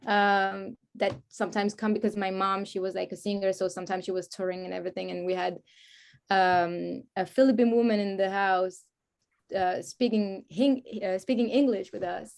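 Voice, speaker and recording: A woman with a gravelly, mid-range voice speaks at normal speed with fairly even intonation, sounding casual and searching. She's a music artist appearing as a guest in a casual conversational interview. Born in Israel with Hebrew as her first language, she grew up in Paris, France.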